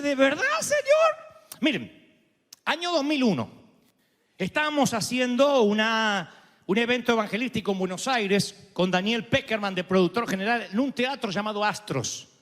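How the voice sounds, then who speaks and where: Argentine pastor guy, kinda high voice, acts out all the quotes, jokey and theatrical. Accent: Argentine Spanish. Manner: animated and theatrical, acting out quotes and joking. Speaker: preacher. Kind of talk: storytelling sermon. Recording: long hall reverb.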